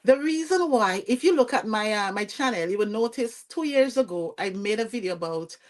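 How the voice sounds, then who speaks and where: A woman with a Vincentian accent, a podcast guest telling her story in a lively, chatty way and often checking in with "you see what I'm saying?". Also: mid-range voice, brisk. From Saint Vincent and the Grenadines. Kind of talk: conversational storytelling interview.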